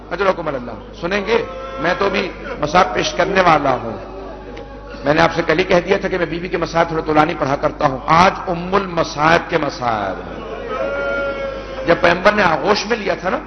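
A male preacher recites a mourning narrative with dramatic, storytelling fervor. His voice sits somewhat high. The recording is muffled and lo-fi. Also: animated, reverberant, big-room sound. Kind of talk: sermon recitation. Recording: dull lo-fi sound.

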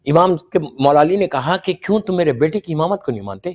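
Male preacher, high-pitched voice, impassioned sermon, hushed storytelling to loud pleading, mixes in English words. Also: lively intonation, lo-fi sound. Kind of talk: Shia religious sermon.

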